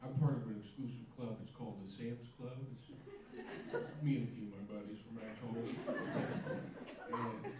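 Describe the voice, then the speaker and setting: A man performing a stand-up comedy set in a club with dry, deadpan, self-deprecating delivery. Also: medium pitch, moderate pace, dull audio, a crowd in the background. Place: comedy club stage with a laughing audience. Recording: roomy, distant, noisy club recording.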